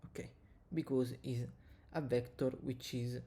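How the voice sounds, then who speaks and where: Slow, halting man dictating equations, muted tone. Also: mid-range voice, steady tone, dark tone, slight background noise. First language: not English. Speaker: physics tutor, video presenter. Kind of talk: step-by-step maths lesson, reading out equations.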